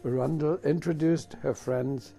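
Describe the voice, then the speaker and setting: A man reads a storybook chapter aloud at a slow, deliberate pace. His voice is dark and gravelly, with soft music playing faintly behind him. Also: a little high, fairly even intonation. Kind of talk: storybook narration.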